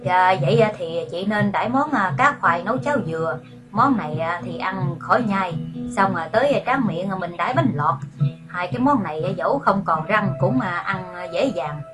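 A woman voicing a joking, easygoing older village man, speaking with many pauses. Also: fairly low pitch, lively intonation, over music, pitched below the performer's own voice, natural voice.

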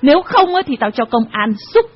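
A woman playing an older landlady who berates her tenants harshly, in a radio drama reading with a dull sound and soft music behind. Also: high voice, sing-song, a little fast. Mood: threatening. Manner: berating, rough-tongued. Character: older landlady, shrill and scolding.

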